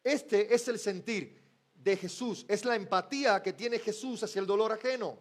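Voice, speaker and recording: A man preaching a sermon who keeps asking the congregation questions and waits for them to answer, sometimes dropping to a soft, low voice for emphasis. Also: normal speed. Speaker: pastor.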